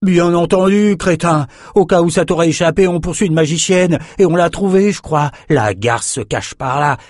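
Raider captain, gruff and bullying, man doing the voice pitched high above his own voice, barking orders, dry close sound. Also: level tone, moderate pace, fairly bright tone, no room sound. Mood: scornful. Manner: bellowing orders, insulting. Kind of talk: audiobook character voice.

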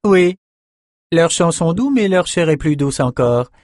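A man's voice: fairly high pitch, lively intonation, unhurried, a little mellow, dry recording, studio quality, pitched above the performer's own voice. A man voicing a proud, boastful noblewoman in a storybook.

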